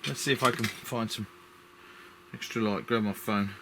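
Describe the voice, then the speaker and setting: A man's voice: fairly low pitch, fairly even intonation, moderate pace, background noise. A man with an Essex accent talking casually through a model build, rambling as he thinks aloud. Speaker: hobby model-building video maker.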